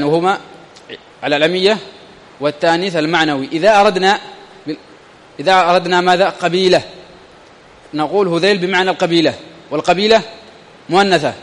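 A man teaching a classroom grammar lesson, reading a text aloud slowly and then explaining it and putting questions to his students. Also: on the high side. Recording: long hall reverb.

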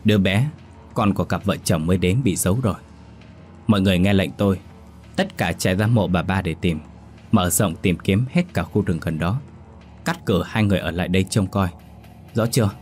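A man's voice: low-pitched, moderate pace, darkish tone, soft background music, natural voice. A man voicing a stern middle-aged woman who leads a village, probing and commanding.

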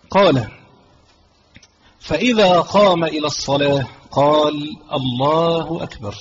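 An Egyptian-accented man gives a religious lesson on a fiqh text, his voice set a little high. He reads each line of the book and then explains it patiently, repeating key phrases. The audio is slightly dull, with a faint hiss behind it. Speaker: sheikh teaching a fiqh text.

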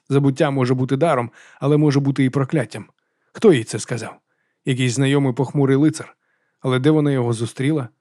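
Male audiobook narrator, fast delivery, dry close studio sound. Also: mid-range voice, dry recording. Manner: brisk, steady storytelling. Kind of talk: scripted narration of a dark fantasy novel.

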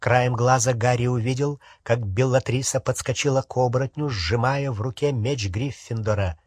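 A man reading an audiobook in a measured, expressive narration with a husky voice. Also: mid-range voice, dry recording. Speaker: audiobook reader. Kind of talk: scripted narration.

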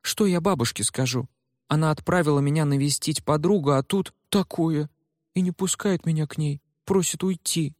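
A man's voice: fairly high pitch, normal speed, a little mellow, no room sound, studio quality, voice pushed up, lightly acted. A man voicing a frightened young woman who pleads in a plaintive, sniffling way. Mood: pleading.

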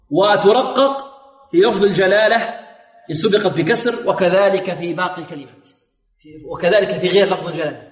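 A man teaching the rules of Quran reading in a recorded lesson. He puts questions to his students and answers them himself, and he slows down to model words as they are recited. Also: high-pitched. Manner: asks students questions and answers them himself, often repeating "may God bless you". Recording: echoey hall recording.

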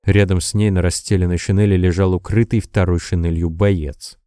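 A man reading a war audiobook as its narrator in steady scripted narration. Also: deep voice, brisk, smooth, no echo, studio quality. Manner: steady, even storytelling.

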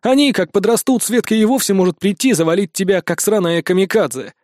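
A man's voice: sits high, brisk, darkish tone, no echo, clean studio sound, natural voice. A man playing a brash, laid-back male friend who lectures bluntly in slang. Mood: lecturing.

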